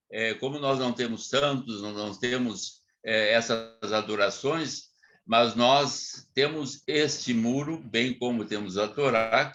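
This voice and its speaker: A man's voice: medium pitch, a bit bright. A man from Brazil on a video call in a study group, talking hesitantly with many restarts. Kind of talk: casual online group discussion. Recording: dull, very echoey video call audio.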